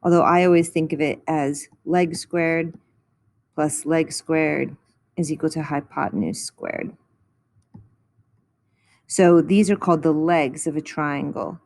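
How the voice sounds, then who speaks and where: A woman's voice: low voice, darkish tone. A woman teaching a recorded math lesson, patiently explaining each step in a close voice-over.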